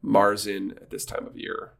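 A man's voice: lowish voice, monotone, moderate pace, vocal fry, fairly bright tone. A man in his thirties co-hosting a podcast in casual, jokey chat, rambling with restarts. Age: 30s. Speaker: podcast co-host.

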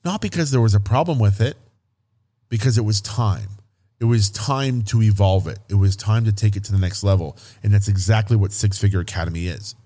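A man hosting a podcast, delivering an emphatic, hyped-up sales pitch in the manner of a coach. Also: fairly quick, mellow. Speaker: podcast host. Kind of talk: promotional podcast monologue.

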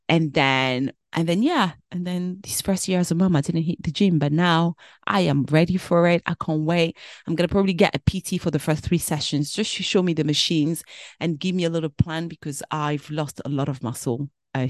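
Chatty woman with a low, dry voice. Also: no room sound. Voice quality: chatty, rambling with self-corrections. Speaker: podcast host. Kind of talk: casual solo podcast chat.

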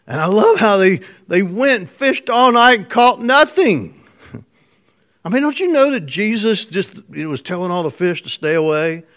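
A man preaching a sermon, telling stories with frequent chuckles and dropping from loud emphasis to a soft hush. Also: high voice, sing-song, unhurried, pauses often.

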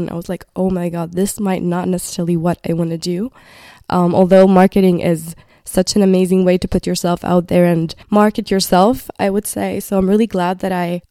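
A woman's voice: on the low side, warm tone, no room sound, clean studio sound. A woman in her twenties from Palestine, hosting a casual solo podcast and rambling as she searches for words. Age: 20s. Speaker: podcast host.

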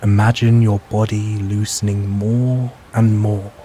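Slow, mellow male sleep story narrator. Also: fairly low pitch, slight background noise. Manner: calm, measured, hushed guiding delivery.

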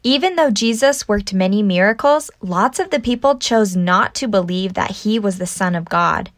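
Female kids' podcast host, animated and simple in delivery, dry makeshift home recording. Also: mid-range voice, moderate pace, no room sound. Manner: animated, simple child-directed explaining with questions. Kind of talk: scripted children's storytelling podcast. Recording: makeshift home recording without usual mic.

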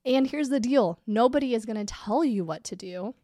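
A woman's voice: a little high, lively intonation, normal speed, warm tone, dry recording, studio quality. A woman hosting her own business podcast, talking casually and candidly while congested from a cold. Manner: candid, conversational, upbeat. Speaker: podcast host and business coach. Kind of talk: casual solo podcast talk.

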